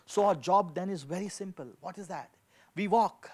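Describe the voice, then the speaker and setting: Standing at a lectern before a dark backdrop in an indoor studio, a pastor in his forties holds a handheld microphone and delivers a sermon with scripture reading and prayer. He has a high, a little mellow voice and talks at normal speed. He preaches emphatically, repeating key phrases for effect.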